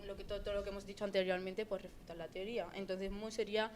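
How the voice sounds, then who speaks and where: A woman's voice: medium pitch, flat delivery, quick pace, slight background noise. A teenage girl, a student guest on a podcast, talking casually and rambling with lots of fillers. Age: teens. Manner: rambling, with many fillers like "en plan". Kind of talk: casual chat.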